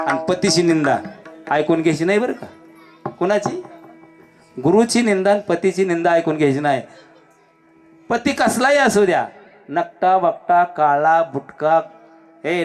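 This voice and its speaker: A man preaching a devotional kirtan sermon, telling a story with animated delivery that swings between loud calls and hushed lines. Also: fairly high pitch. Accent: Marathi. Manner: animated, shifts between shouting and hushed lines, acts out characters.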